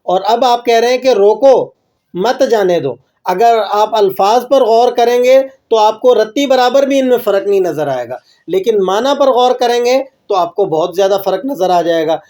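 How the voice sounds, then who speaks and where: A high-pitched man teaches a religious lesson in a patient, explaining way, often asking his listeners if they follow. His tone is mellow and soft-edged, and he slows right down when he chants his recitation examples. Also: lively intonation. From Pakistan.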